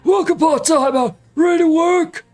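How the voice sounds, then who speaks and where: A woman voicing a gruff, stereotypical old man shopkeeper in a game. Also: extremely high pitch, normal speed, a little mellow, soft background music, voice pushed up. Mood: brisk, gruff.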